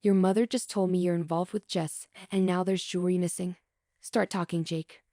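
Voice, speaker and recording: A woman's voice: lowish voice, steady tone, moderate pace, warm tone, no echo, clean studio sound, natural voice. A woman voicing a frustrated middle-aged father who speaks firmly and demands answers. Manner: firm, demanding questions.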